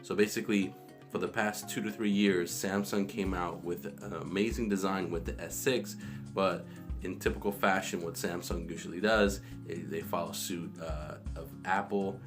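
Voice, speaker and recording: A man's voice: low voice, fairly even intonation, moderate pace. A man vlogging about tech in a rambling, casual way, recorded on a phone in a small echoey bathroom. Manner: rambling, many restarts and fillers. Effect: echoey bathroom sound. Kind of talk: casual tech talk to camera. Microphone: phone camera. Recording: echoey bathroom with background guitar music.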